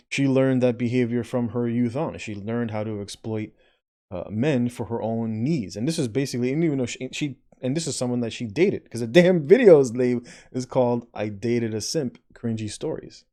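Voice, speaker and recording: Blunt man commenting, mellow voice. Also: medium pitch. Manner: blunt, keeps tagging "right?", swears. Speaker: video commentator. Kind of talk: reaction commentary on a played clip.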